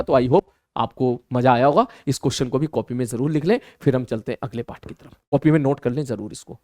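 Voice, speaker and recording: In a lively online maths lesson, a male teacher slows down to spell out terms and answers his own questions using his students' voices. His voice is on the high side, and the studio-quality recording has no room sound.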